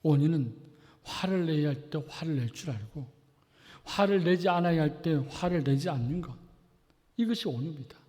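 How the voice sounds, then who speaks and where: A man preaching a sermon as pastor, asking the congregation rhetorical questions and swinging between loud and soft. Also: a little high, expressive, moderate pace. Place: church sanctuary. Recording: long reverb of a church hall.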